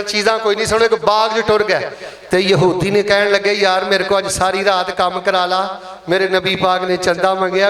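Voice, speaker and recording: A Punjabi-accented man coaxes and blesses worshippers as he leads a mosque fundraising appeal in a Friday sermon. He is high-pitched and slightly bright, and the recording sounds roomy.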